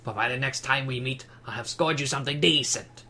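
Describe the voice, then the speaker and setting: A man's voice: mid-range voice, fairly quick, pushed and bright. A man putting on a sly, nasal voice for a scheming crook while reading game dialogue.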